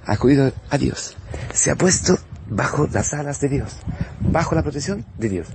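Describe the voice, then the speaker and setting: A priest preaching a sermon in Spanish, swinging between loud outbursts and hushed words and repeating phrases for emphasis. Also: male voice, mid-range voice, expressive, normal speed, vocal fry, noisy background. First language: Italian.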